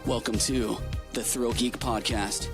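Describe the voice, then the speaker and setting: A man's voice: mid-range voice, steady tone, measured pace. A man reading a scripted podcast introduction as an announcer. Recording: loud music under the voice.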